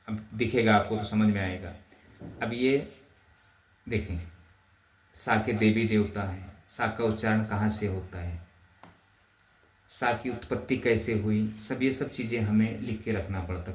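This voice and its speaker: A man's voice: lowish voice, unhurried, long pauses. A man teaching music, who explains with care and keeps addressing his viewers as friends. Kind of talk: spoken music lesson. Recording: roomy, slightly distant, faint ambience.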